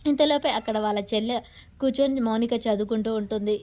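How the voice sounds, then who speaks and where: A woman recapping a TV serial episode. She talks very fast in a slightly high voice, stringing the story together with repeated filler phrases. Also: darkish tone. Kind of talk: casual story recap narration.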